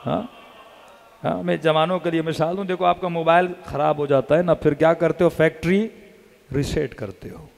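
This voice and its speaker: A man's voice: on the high side, steady tone, fairly quick, gravelly, in a large hall. A man, a cleric, preaching a religious sermon that he drives with rhetorical questions he answers himself in repeated chants.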